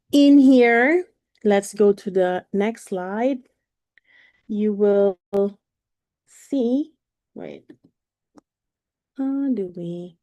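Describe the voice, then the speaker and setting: Slow, mellow woman coach. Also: medium pitch, dry recording, clean studio sound. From Philippines. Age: 40s. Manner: halting, with frequent fillers and self-corrections. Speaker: perimenopause coach. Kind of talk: live online presentation.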